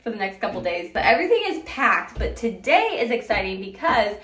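A young woman chatting casually to a phone camera at home, expressive and laughing easily as she talks about her day. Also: medium pitch, a little fast, husky. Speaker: vlogger, mother. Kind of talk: casual vlog chat. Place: bedroom in a home. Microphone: phone at arm's length.

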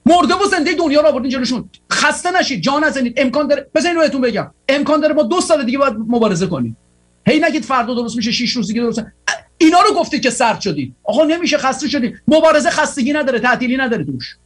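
Fervent husky-voiced man, high pitch. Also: animated, fairly bright tone. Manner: fervent, rallying, repetitive exhortations. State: tired. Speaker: host of a political broadcast. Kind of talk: impassioned political monologue.

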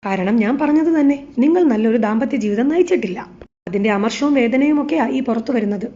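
A woman reading the lines of a defiant young daughter-in-law who answers accusations with sharp retorts. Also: a little high, animated, a little fast, natural voice. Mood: indignant. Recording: slightly dull lo-fi recording.

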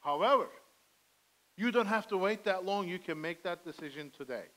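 Man, middle-aged, pastor, high voice, earnest pleading sermon, headset mic in a church. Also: lively intonation, normal speed, fairly bright tone, rough recording. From Armenian heritage. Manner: earnest, pleading, gestures broadly at pulpit. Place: church sanctuary, indoors, medium size.

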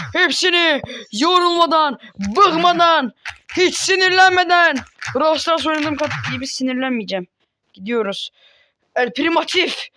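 A man's voice: very high-pitched, noisy background. A man giving casual gameplay commentary, playful and exaggerated, joking and trash-talking his opponents. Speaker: gaming video host.

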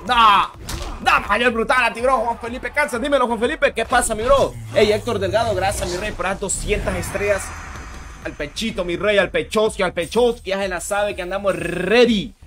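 Male game streamer, slightly high voice, hyped slangy shout-outs, game music under him. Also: normal speed. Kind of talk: casual live-stream commentary.

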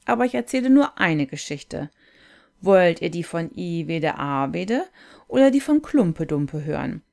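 A woman's voice: lowish voice, big pitch swings, unhurried, creaky, a little mellow, full character voice. Woman doing a kindly little storyteller man. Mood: friendly. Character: kindly little plump man telling children a tale.

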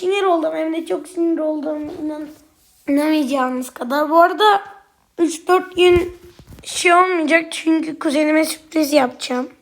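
High-voiced woman ranting through gameplay. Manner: quick to anger, swears at opponents; chatty, addresses viewers directly. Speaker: gaming YouTuber. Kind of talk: casual gameplay commentary.

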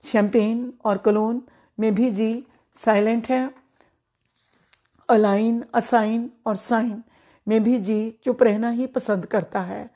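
A middle-aged woman, a former principal and English teacher, giving a careful pronunciation lesson and repeating each word slowly. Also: a little high, steady tone, warm tone.

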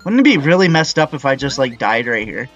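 A young man casually commenting while playing a video game, rambling with frequent excited outbursts. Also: mid-range voice, brisk, muffled recording, soft background music. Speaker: gaming channel host. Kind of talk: let's-play commentary.

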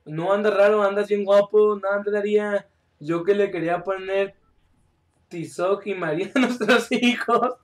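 High-voiced young streamer. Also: male voice, normal speed. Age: young adult. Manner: chatty, joking, reads chat aloud and calls out mid-game. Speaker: game streamer. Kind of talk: live gameplay stream chat.

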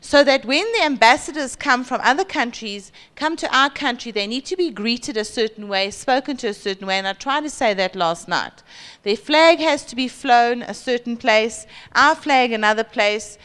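South african woman preacher, high voice, lively sermon, handheld mic, church hall. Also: moderate pace, clean tone. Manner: lively, acts out boastful voices with high pitch jumps. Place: large church hall stage.

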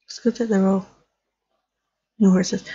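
A woman's voice: mid-range voice, steady tone, measured pace, warm tone, dull audio. Chatty, amused woman playing a game. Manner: chatty, amused, talks to herself. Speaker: let's player. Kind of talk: gameplay commentary.

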